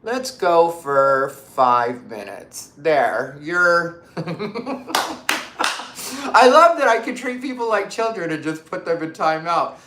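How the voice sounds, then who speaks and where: Taking it slowly, a woman with a low-pitched voice and lively intonation hosts a casual livestream from an echoey room with background noise. Originally from Arizona, she reads comments and fires off emphatic rhetorical questions with plenty of fillers.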